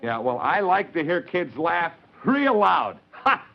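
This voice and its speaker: A man's voice: a little high, very animated, slow pace, vocal fry. A man hosting an old children's TV show, speaking in a folksy, exclamatory way to the kids. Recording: muffled, noisy old TV recording.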